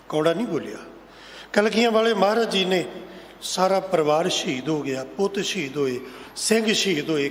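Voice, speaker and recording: A man's voice: fairly high pitch, a little hiss or hum. A man with a Punjabi accent giving a Sikh sermon in a large gurdwara hall, impassioned, full of rhetorical questions and sung scripture lines. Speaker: Sikh preacher giving katha. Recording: echoey hall with faint ambience.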